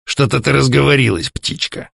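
A man's voice: a little high, lively intonation, normal speed, creaky, fairly bright tone, no echo, clean studio sound, voice pushed up. A man voicing a masked male conspirator leader who speaks coldly and curtly, with menace. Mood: threatening. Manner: cold, curt, irritable.

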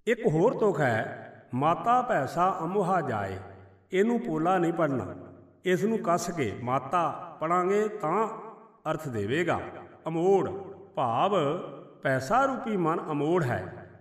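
A man with a Punjabi accent giving a measured teaching on how to recite scripture correctly, half-chanting the verses he quotes. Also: on the high side, reverberant, big-room sound, far from the mic. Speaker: Sikh scripture scholar.

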